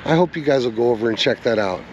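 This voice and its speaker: A man talks through fishing tips in a folksy, instructive tone, speaking to his viewers as "guys." His voice sits at a middle pitch, recorded outdoors by the river. Faint outdoor and vehicle noise runs underneath. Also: expressive, fast, highs cut off. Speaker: fishing channel host. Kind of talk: outdoor fishing report vlog.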